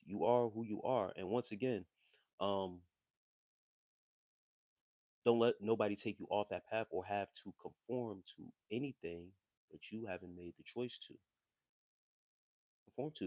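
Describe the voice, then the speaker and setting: A man's voice: fairly low pitch, dark tone, no echo, clean studio sound. A man hosting a livestream, talking casually and reading chat messages in a loose, slangy, conversational way. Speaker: livestream host.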